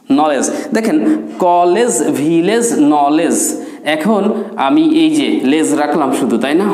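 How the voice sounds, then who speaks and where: A man's voice: fairly high pitch, a little mellow. A male English teacher in a classroom with a board, speaking in a somewhat raised voice. He explains patiently and says each word several times. The room is echoey, with a hollow ring on his voice. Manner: explains patiently, repeats words, mixes English phrases in. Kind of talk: spoken English lesson.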